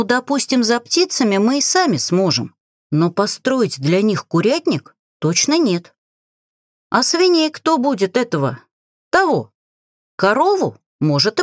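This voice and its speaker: A woman's voice: fairly high pitch, no echo, clean studio sound. A woman reading aloud, voicing a sly young witch who mocks and gives orders. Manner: mocking and commanding.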